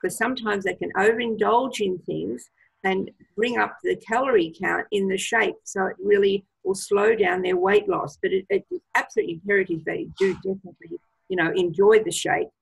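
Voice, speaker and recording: Woman, gravelly, husky, enthusiastic product advice, video call. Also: medium pitch, animated, brisk, poor audio. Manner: enthusiastic, gives advice with many fillers. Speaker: product trainer. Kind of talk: casual presentation on a video call.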